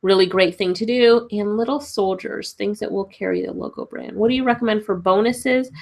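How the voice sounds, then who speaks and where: A woman coaching business owners runs a live webinar Q&A while congested with a cold and a stuffy nose. Her medium-pitched voice is creaky, and she's chatty and encouraging, laughing often.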